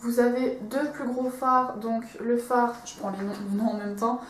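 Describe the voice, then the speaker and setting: A woman's voice: on the high side, fairly even intonation, moderate pace, roomy sound, slight background noise. A woman reviewing a makeup palette in a casual, enthusiastic vlog, with many fillers and restarts. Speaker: beauty vlogger.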